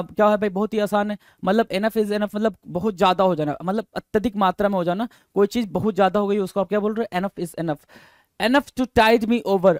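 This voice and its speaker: A man teaching English vocabulary in a Hindi-English lesson, repeating each term and quizzing his listeners, drawing out the English words slowly. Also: sits high, dry recording.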